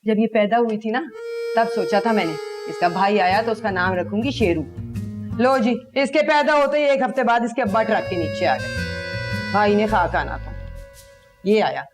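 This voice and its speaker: A woman's voice: medium pitch, expressive, normal speed, music in the background, lightly acted. An actress playing a middle-aged mother who scolds her daughter and dotes on her pet goat. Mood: scolding. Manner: scolding, sharp-tongued. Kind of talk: TV drama acting.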